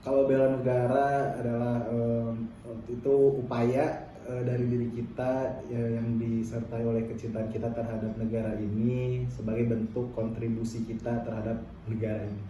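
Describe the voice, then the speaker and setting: A man's voice: medium pitch, little pitch movement, normal speed, few pauses, warm tone, slight background noise. A man in his twenties, a university student, answering interview questions hesitantly with many fillers. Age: 20s. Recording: very echoey room, mic far off.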